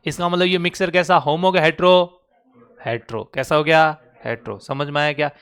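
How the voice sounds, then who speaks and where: Here a man speaks at a moderate pace in a slightly high, steady voice that's a little bright and clean. In an online class recording, he teaches chemistry in Hindi with a Rajasthani accent, quizzing his students constantly with call-and-response prompts.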